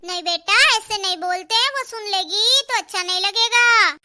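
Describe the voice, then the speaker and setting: Woman doing a really high bright cartoon mom, calm, coaxing, keeps saying beta. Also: moderate pace, heavily acted. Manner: coaxing, keeps calling her daughter "beta". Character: patient middle-aged mother, gently scolding and soothing. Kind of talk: cartoon dialogue.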